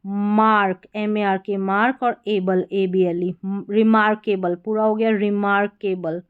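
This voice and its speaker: Slow, clear woman teaching English reading. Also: medium pitch, little pitch movement. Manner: spells words letter by letter, then sounds them out. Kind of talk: slow word-by-word reading lesson. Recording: slightly dull lo-fi recording.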